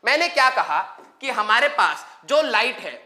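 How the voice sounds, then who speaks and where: Bright-voiced joking physics teacher, man. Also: extremely high pitch, very animated, unhurried. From Haryana, India. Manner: chatty, joking asides to students; drawls definitions word by word. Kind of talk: online exam-prep lecture.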